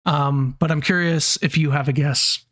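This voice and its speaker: Easygoing man, slightly high voice, dry sound. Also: fairly even intonation, fairly bright tone, no room sound. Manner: easygoing, quick agreeing replies. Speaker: podcast co-host. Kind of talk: casual chat.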